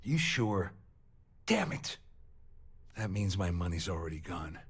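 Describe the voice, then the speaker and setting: A man's voice: low voice, very animated, measured pace, creaky, breathy edge, heavily acted. An actor playing a blunt, suspicious, self-serving male passenger on a starship in a video game. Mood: angry, worried.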